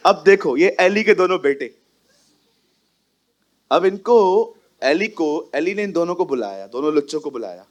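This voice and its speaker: A male pastor preaching a sermon in a church hall, animated and emphatic, often slipping English phrases into his talk. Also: fairly high pitch, a little slow, long pauses.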